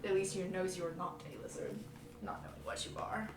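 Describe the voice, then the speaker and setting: A woman's voice: lowish voice, steady tone, a little fast. A woman playing a tabletop game, teasing and laughing a lot. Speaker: player. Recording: distant mic, echoey room, noise.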